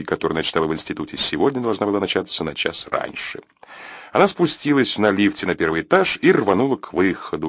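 A man reading an audiobook in an expressive, wry narration. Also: low voice, no echo, clean studio sound. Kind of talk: scripted narration.

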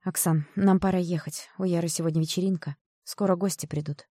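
A woman's voice: lowish voice, fairly even intonation, brisk, warm tone, no echo, studio quality, natural voice. A woman voicing an anxious, weary mother around forty who speaks in a subdued, nervous way. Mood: firm. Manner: nervous, subdued, then firm.

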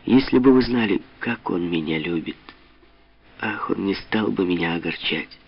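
A man voicing a proud, passionate young woman who speaks softly, quietly and firmly, on a dull lo-fi audiobook recording. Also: deep voice, expressive, normal speed, creaky, breathy edge, full character voice. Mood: tender.

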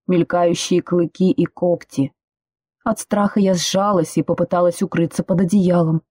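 A woman narrating a first-person audiobook in a steady, intimate storytelling way. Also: on the low side, dry recording.

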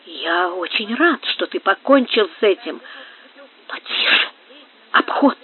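A reader voicing a superstitious male soldier who speaks quietly and hesitantly in an audiobook. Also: mid-range voice, lively intonation, a little slow, slightly rough, no room sound. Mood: uneasy. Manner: hushed, hesitant, fearful. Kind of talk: audiobook character voice. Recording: tinny phone-like sound.

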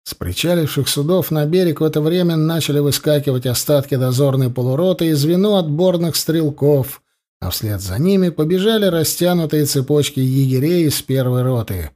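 A man narrating an audiobook in a steady storytelling manner. His voice sits slightly high for a man, and he voices the sound effects himself. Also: moderate pace. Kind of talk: scripted narration of a war novel.

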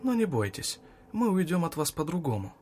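A man voicing a defiant, unhinged young woman who mocks and shouts with hatred. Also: very animated, brisk, a little hiss or hum. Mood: mocking. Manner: mocking, shrill, shouting at times.

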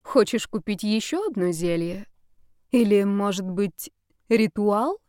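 A woman voicing a sly, scheming female witch who speaks slowly and softly with an insinuating manner, in an audiobook reading. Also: mid-range voice, lively intonation, dry recording, studio quality, natural voice. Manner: slow, soft, insinuating.

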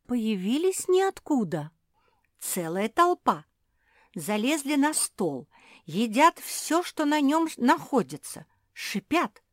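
A woman voicing a small, excitable female pug in an audiobook, speaking eagerly and pleading by turns. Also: on the high side, slow pace, no echo, studio quality, pitched above the performer's own voice. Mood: alarmed. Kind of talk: audiobook reading.

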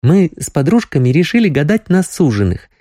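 A man doing a young village girl in love, high and lively, bouncing up and down in pitch with a soft, mellow tone. She's playful and quick to take offence, heard close and dry as in an audiobook. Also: dry recording. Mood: earnest, teasing. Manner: pleading, playful, raised girlish voice. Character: young lovestruck village woman, teasing and quick-tempered.

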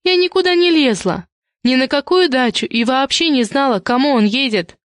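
Woman doing a squeaky tearful young woman. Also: animated, moderate pace, dry recording, clean studio sound. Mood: whining. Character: frightened young woman Kiska, whiny, defensive.

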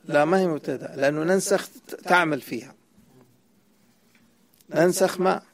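With a slightly high voice at normal speed, a man walks a student through an Arabic grammar poem. He's a sheikh who asks the student questions along the way and corrects his answers.

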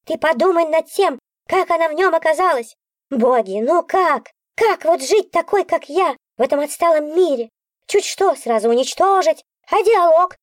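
A woman's voice: very high voice, animated, moderate pace, no echo, studio quality, voice pushed up. A woman voicing a grumpy, sarcastic female magic book in an audiobook, grumbling and bossy. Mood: indignant. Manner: grumbling, bossy, sometimes cooing. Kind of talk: audiobook character voice.

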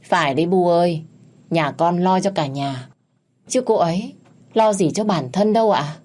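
A woman's voice: lowish voice, normal speed, a little mellow, lightly acted. A woman voicing an earnest young husband who explains his plans plainly in a storytelling recording. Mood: pleading.

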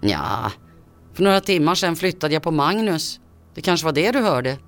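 A man voicing a calm middle-aged father who leads a hunt and talks in a brisk, matter-of-fact way in a spoken story. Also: a little high, soft background music. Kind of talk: voiced dialogue in a told story.

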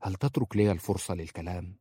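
Brief: a man doing a polite, persistent young bookseller, low-voiced and earnest. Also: fast talker, dark tone, husky, no room sound. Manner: earnest, respectful pleading. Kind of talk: audiobook character voice.

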